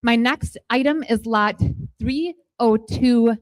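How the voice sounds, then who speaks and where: Casting: American woman, high voice, addressing a sale as contestant auctioneer, very dry sound. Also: slow, no echo. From Minnesota, United States. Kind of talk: stage presentation of auction items.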